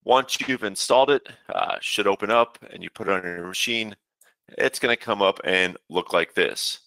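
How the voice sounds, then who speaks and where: Low, bright-toned male software trainer. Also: normal speed, vocal fry, no echo. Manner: casual, steady instructional talk with frequent "uh" fillers. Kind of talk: webinar software walkthrough.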